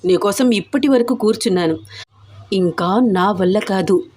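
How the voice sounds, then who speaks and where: A woman's voice: mid-range voice, moderate pace, a little mellow, close to an everyday voice. A woman voicing a pushy, teasing young husband in a read-aloud love story, coaxing and insistent. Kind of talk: storybook character voice.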